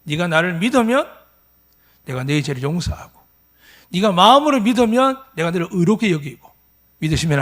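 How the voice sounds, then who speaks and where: A man's voice: high-pitched, a bit bright. A pastor in his fifties preaching at a Sunday church service, emphatic and full of rhetorical questions to the congregation. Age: 50s. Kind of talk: sermon.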